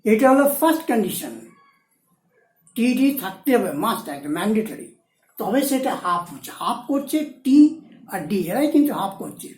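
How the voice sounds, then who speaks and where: A woman teaching a shorthand class, explaining each rule slowly and repeating the key points. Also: medium pitch, very animated, darkish tone, echoey room, rough recording. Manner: repeats key points, switches between Bengali and Hindi. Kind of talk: explaining rules step by step in a lesson.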